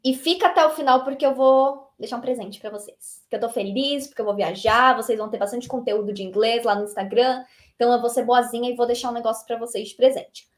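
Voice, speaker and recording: A woman with a Brazilian accent teaches an online English lesson in a lively, chatty way, often ending her points with a short tag question. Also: on the high side, quick pace. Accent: Brazilian Portuguese.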